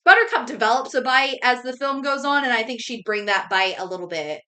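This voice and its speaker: A woman's voice: fairly high pitch, animated, brisk, pushed and bright. A young woman co-hosting a casual chat about recasting a movie, talking in a chatty, rambling way with many fillers. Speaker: podcast co-host.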